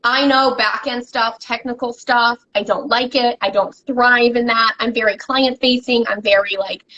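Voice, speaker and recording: A woman guest speaks on a podcast in a fairly high voice, with an energetic, emphatic, motivational delivery. She sounds like a coach pressing her points home. The recording is dull and lo-fi. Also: moderate pace, slight background noise. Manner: energetic and emphatic, with repetitions and restarts. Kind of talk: motivational casual conversation.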